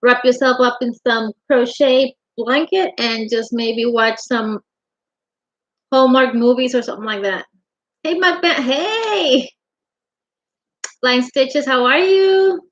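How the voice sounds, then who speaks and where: A woman's voice: high-pitched, slow pace, long pauses. Chatty middle-aged woman, muffled livestream audio. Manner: chatty and affectionate, calls viewers honey. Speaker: livestream host. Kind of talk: casual livestream chat, greeting viewers. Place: home craft room, indoors.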